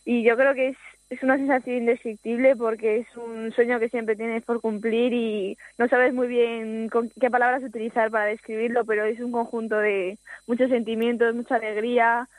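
A woman's voice: on the high side, flat delivery, moderate pace, no echo, low-quality recording. A teenage girl from Spain, a footballer, talking hesitantly over the phone in a radio interview and laughing often. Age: teens. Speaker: youth footballer guest. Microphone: phone line.

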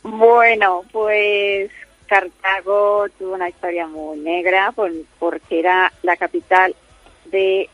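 Slow and medium-pitched with little pitch movement, a middle-aged caller chats casually on a dull lo-fi phone line with no room sound. She was born in Colombia, has a Spain Spanish accent, and talks a lot, with many fillers and restarts.

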